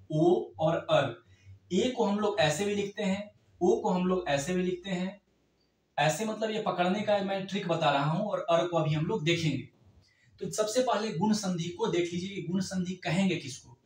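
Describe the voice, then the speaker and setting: A man's voice: sits high, recorded from a distance. A man teaching an exam-prep grammar lesson, explaining step by step and checking in with the class often. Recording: echoey room, voice off-mic.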